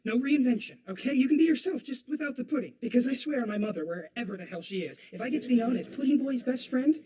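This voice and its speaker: A man's voice: very high voice, fast. A young man playing a sarcastic college freshman who wants to look cool. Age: young adult. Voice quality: sarcastic, swings from loud to hushed. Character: cool-obsessed young male freshman, sardonic. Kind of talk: sitcom acting. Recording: dull noisy sitcom audio.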